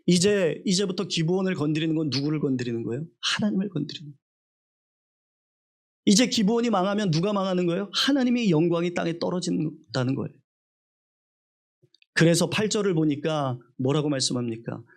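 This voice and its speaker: Male pastor, slightly high voice, emphatic sermon delivery full of rhetorical questions. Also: expressive, fairly quick, creaky.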